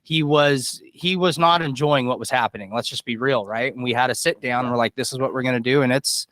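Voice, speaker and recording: A man's voice: mid-range voice, brisk, fairly bright tone, no room sound. A male coach with an ordinary mid-range voice, speaking frankly and conversationally, with a light joking edge. The sound is dry and close. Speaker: coach, co-guest. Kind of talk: casual interview chat.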